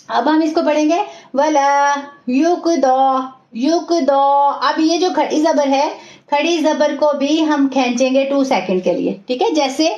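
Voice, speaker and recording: A woman teaching Quran recitation in an online class, explaining patiently step by step and slowing down to model the sounds. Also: high-pitched. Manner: greets and praises students by name. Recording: echoey, dull lo-fi room sound.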